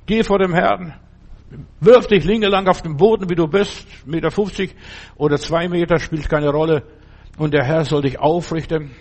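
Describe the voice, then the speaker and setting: A man's voice: on the high side, moderate pace, darkish tone. A man preaching a sermon, urging the listener directly and repeating his key phrases.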